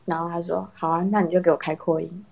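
A young woman casually telling a personal story in a chat with friends, animated and laughing often. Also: fairly low pitch, fast, vocal fry. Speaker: storyteller in a horror story contest.

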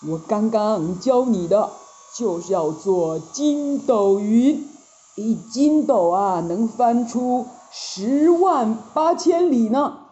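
A woman voicing a calm, kindly old male teacher in a storybook, speaking low and gently. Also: lo-fi sound. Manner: low, slow, gentle speech.

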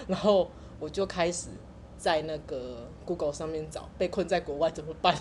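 A woman co-hosts a relaxed chat among sisters. She tells her story animatedly and laughs often, over a faint layer of background noise. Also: low-pitched, normal speed. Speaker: podcast co-host.

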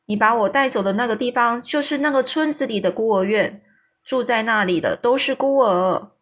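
A woman's voice: fairly high pitch, moderate pace. Woman voicing a frank little orphan girl. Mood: earnest. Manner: plain-spoken, earnest.

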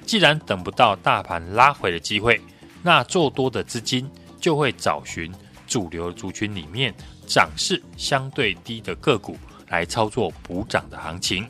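A male analyst with a Taiwanese Mandarin accent explains the market in a prepared commentary. His voice is fairly low yet bright and forceful, with lively rises and falls. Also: moderate pace, soft background music. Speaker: stock market analyst, guest.

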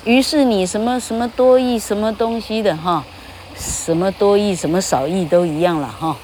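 A woman's voice: medium pitch, moderate pace, a little mellow, a little hiss or hum. An older woman, a retired English teacher giving a casual spoken monologue, speaking of herself in the third person and tagging her phrases with little "ha" sounds.

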